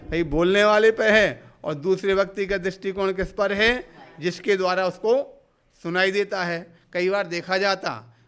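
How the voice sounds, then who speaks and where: A man's voice: sits high, fairly bright tone, smooth. A man, a monk, giving a sermon into a microphone, explaining step by step, asking his listeners questions and acting out short everyday exchanges. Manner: explanatory, asks rhetorical questions; acts out short everyday dialogues. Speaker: Jain monk giving a discourse. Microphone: speaking into a hall microphone.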